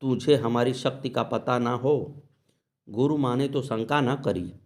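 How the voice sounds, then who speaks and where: An elderly holy man from a village speaks in plain rustic dialect, chiding his followers with fondness and a teasing edge. His voice sits at an ordinary middle pitch for a man, voiced by a male storyteller reading a devotional tale. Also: unhurried, darkish tone, close to an everyday voice. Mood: homely chiding. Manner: rustic dialect speech, homely and scolding.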